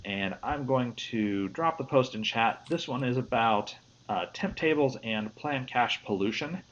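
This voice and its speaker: A man's voice: medium pitch, lively intonation, measured pace, fairly bright tone. A man with a Midwestern American accent hosting a casual live-streamed panel chat, easygoing and rambling with frequent restarts. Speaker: host. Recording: lo-fi stream audio with faint hiss.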